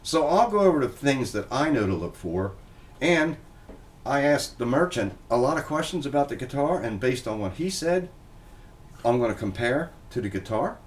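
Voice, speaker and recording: A male guitar reviewer with a mid-range voice and lively intonation talks at a moderate pace. In a casual hands-on product walkthrough, he inspects a guitar and explains each check step by step, folksy and plainspoken.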